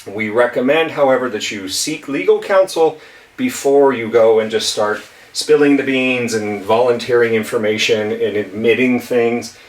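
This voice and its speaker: A man talks through a legal topic at a whiteboard in a relaxed, repetitive way, full of fillers. His voice sits at an ordinary middle pitch. The sound is roomy and a bit distant, as if picked up by a camera mic across an office. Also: moderate pace. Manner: casual, repeats himself, verbal fillers. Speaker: intellectual property lawyer. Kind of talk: explainer video at a whiteboard. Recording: echoey room, mic at a distance.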